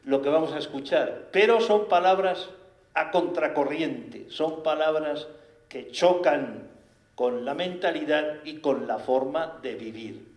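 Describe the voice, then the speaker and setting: A man with a Spanish accent preaching a sermon, animated and full of rhetorical questions. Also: a little high, unhurried. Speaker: priest. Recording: echoey room.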